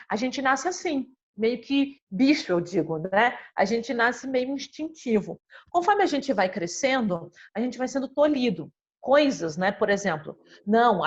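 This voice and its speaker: A Brazilian woman psychologist with a voice on the high side explains things earnestly in a conversational talk, recorded with dull audio. She is expressive and keeps tacking tag questions onto the ends of her phrases.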